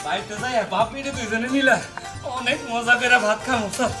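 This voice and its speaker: A woman voicing a gentle, soothing village father who comforts his young daughter. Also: on the high side, fairly quick, pitched below the performer's own voice, close to an everyday voice. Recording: music playing under the voice, heard from off-mic.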